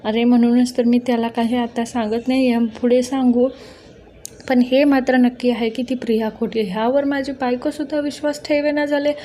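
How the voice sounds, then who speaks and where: A woman's voice: fairly high pitch, flat delivery, brisk, warm tone, slight background noise, lightly acted. A woman voicing a suspicious young lawyer husband, insistent and accusing.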